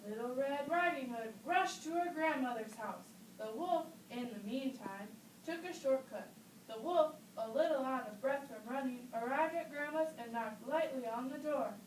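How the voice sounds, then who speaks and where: A woman with a high voice reads scripted narration for a children's puppet show at a moderate pace. She is recorded from a distance in a roomy space, with faint noise in the background.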